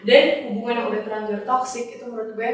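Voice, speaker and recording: A woman's voice: on the high side, level tone, racing, very echoey, distant mic. A woman of twenty-one, a university student, gives her opinion casually, explaining her reasoning step by step.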